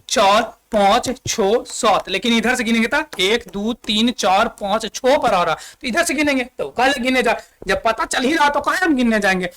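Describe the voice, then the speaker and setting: A man's voice: sits high, fairly bright tone. A male school chemistry teacher with a Bihari Hindi accent gives a video lesson, repeating key terms, asking questions back to his pupils and counting aloud as he writes. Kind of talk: classroom-style video lesson.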